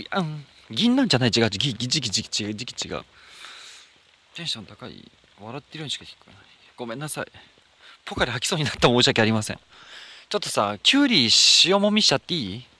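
A man live-streaming outdoors at night in the rain, chatting casually, thanking and answering viewer comments, and breaking into soft high squeals. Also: slightly rough.

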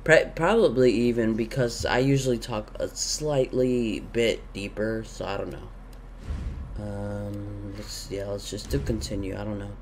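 A young gaming YouTuber does casual let's-play commentary into a gaming headset, rambling and thinking out loud with lots of ums. His voice is fairly low, steady, and unhurried, though he has a sore throat and the sniffles. A faint hiss lies beneath his speech.

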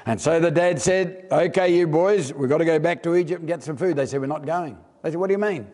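An Australian man preaching a storytelling sermon, acting out the characters' lines and slowing down for emphasis. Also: fairly high pitch, darkish tone. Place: church hall. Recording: long church hall reverb.

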